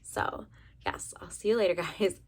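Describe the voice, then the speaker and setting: A young adult woman from the United States with a raspy voice, rambling chattily through a casual hair color review. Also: on the low side, fairly even intonation, unhurried, a little hiss or hum. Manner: rambling, chatty, many fillers. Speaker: beauty vlogger.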